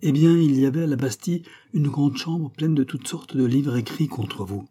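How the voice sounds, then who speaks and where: A man's voice: a little high, moderate pace, mellow, breathy edge. Man playing a weary, reasoning king. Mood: patient. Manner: reasoning, mildly exasperated. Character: weary, patient king, middle-aged man.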